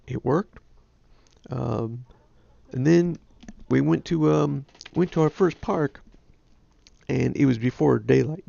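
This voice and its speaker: Nasal, gravelly-voiced man. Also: medium pitch, mellow, no echo, lo-fi sound. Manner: rambling, self-deprecating. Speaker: ham radio livestream host. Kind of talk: casual chat.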